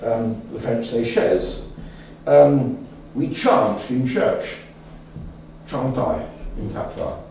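A man's voice: medium pitch, slow, few pauses, warm tone. Older man lecturing in an echoey room. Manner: rambling, chatty, with many fillers and restarts. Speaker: speaker giving a talk to a local society. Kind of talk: informal lecture. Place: meeting room with an audience. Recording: echoey room, mic far off, faint room noise.

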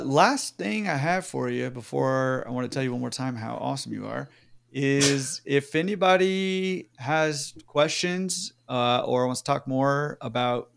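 A man's voice: medium pitch, vocal fry, smooth. A man hosting a podcast, upbeat and encouraging, talking casually with many fillers. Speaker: podcast host.

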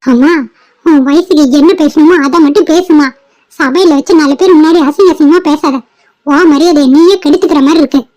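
A woman's voice: sits high, brisk, darkish tone, close to an everyday voice. A woman voicing a firm cartoon mother. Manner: firm, pleading, scolding. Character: middle-aged mother, firm, protective of daughter-in-law. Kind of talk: cartoon family drama voice acting.

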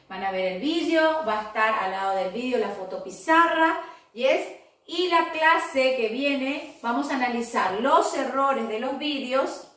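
A woman in her forties with an Argentine Spanish accent, teaching English to children in a recorded video class, slow and patient, checking in often with short questions. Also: high-pitched, a bit bright. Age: 40s. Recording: echoey room, voice from a distance.

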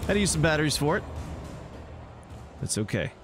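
Fairly high in pitch and swinging widely up and down, this man's voice comes at a fairly quick clip. He's a let's play host chatting casually and joking with the game's characters while music and action sounds run underneath.

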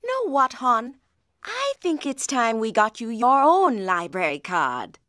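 A woman voicing a patient, caring mother of a young girl in a cartoon, gently instructive and affectionate. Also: fairly high pitch, big pitch swings, slow pace. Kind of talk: cartoon voice acting. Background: background music.

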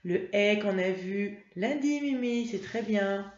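A woman teaching a first-grade reading lesson, patient and encouraging, spelling out letters slowly for young pupils. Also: medium pitch, a little mellow, a little hiss or hum. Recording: roomy, slightly dull home recording.

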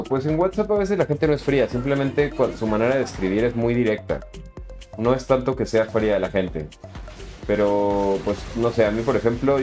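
A man's voice: mid-range voice, warm tone. A young man with a Mexican accent, casually commenting on his game live and answering chat in slangy, chatty talk. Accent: Mexican Spanish. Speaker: streamer.

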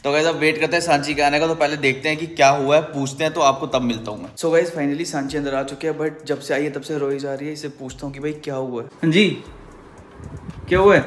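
A chatty young man runs his own casual vlog, teasing and speaking straight to his viewers. His voice sits high for a man. Faint background noise hums beneath the recording. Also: fairly even intonation, brisk. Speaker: vlogger.

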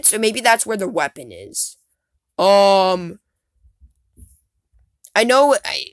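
A woman's voice: medium pitch, dry recording, studio quality. Rambling woman musing over game theories. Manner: rambling, filler-heavy, excitable, trails off. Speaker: gaming channel host. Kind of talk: casual theory talk over gameplay. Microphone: phone screen recording.

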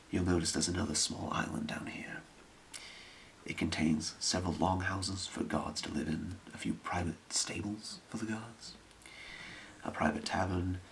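In a whispered role-play, a man plays a scheming boss of a thieves' guild, his low whisper breathy and creaky. He delivers the lines in a measured, secretive way, and there is a slight hiss or hum.

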